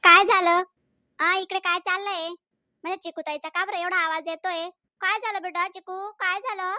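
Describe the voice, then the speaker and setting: A sharp-tongued cartoon granny, voiced by a performer, scolding and sarcastic, pitched lower than the others. Her voice is dry and close to the mic. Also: fairly even intonation, normal speed, no room sound, full character voice. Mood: fussing. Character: scolding, mocking old grandmother. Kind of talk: cartoon voice acting.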